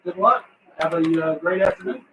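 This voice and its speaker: A man's voice: on the high side, lively intonation, normal speed. A man working as an amateur radio contest operator, trading procedural exchanges in phonetic alphabet. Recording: distant, echoey room with chatter. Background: other radio operators talking.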